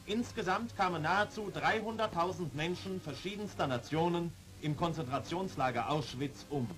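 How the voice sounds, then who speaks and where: A man's voice: fairly high pitch, moderate pace, fairly bright tone, soft background music. A man reading scripted 1940s newsreel narration in a formal, solemn manner, on a vintage soundtrack.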